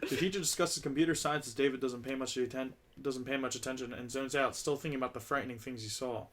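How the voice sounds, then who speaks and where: A man reads a script aloud in a casual, joking read-through. His voice sits at an ordinary middle pitch, and he often stumbles and restarts his lines. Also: steady tone, fast talker. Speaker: script reader.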